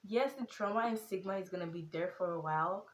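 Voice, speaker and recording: A teenage content creator speaks directly to the camera in a casual vlog, her Nigerian accent tinged with British and American notes. Her voice is fairly low for a girl, and she talks a little fast with earnest, lively emphasis. The echoey room carries slight background noise.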